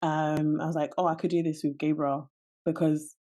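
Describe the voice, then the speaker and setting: A woman in her late twenties with a notably low voice, co-hosting a podcast. She talks in a relaxed, chatty way and laughs easily. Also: normal speed. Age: 20s. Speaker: podcast co-host. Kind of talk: casual chat.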